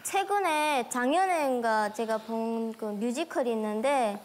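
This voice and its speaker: A woman's voice: on the high side, unhurried, slight background noise. A woman talking casually and frankly as a guest on a studio talk show. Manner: blunt, frank. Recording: music behind the voice.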